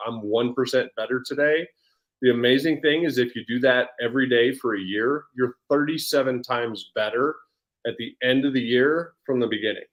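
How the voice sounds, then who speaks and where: A man in his forties, a personal development coach, talking in a casual interview with energy and frequent restarts and repeated words. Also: medium pitch. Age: 40s. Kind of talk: casual podcast interview chat.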